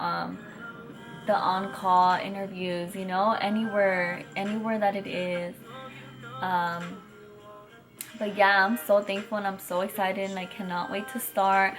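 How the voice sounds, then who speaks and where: A young woman from chatting excitedly on camera at home, with lots of fillers and retold conversations. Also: mid-range voice. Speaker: vlogger. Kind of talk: casual chat.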